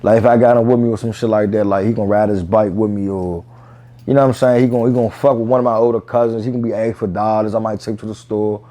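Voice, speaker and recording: A man's voice: lowish voice, fairly even intonation, racing, mellow. A man speaking candidly in an interview about his own life, in casual, profane street slang peppered with "bro" and "you know what I'm saying". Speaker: interview guest.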